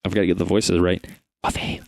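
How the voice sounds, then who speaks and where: A man's voice: mid-range voice, fairly quick, no echo. Man reading a gamebook aloud, dry sound. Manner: casual asides and self-corrections. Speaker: host and narrator. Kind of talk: reading an adventure book aloud.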